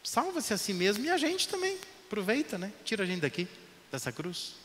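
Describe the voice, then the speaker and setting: A preacher voicing a mocking, impatient male thief who demands to be saved, in a high, pushy voice. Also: huge pitch swings, brisk, fairly bright tone, full character voice. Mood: demanding. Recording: echoey hall, faint noise.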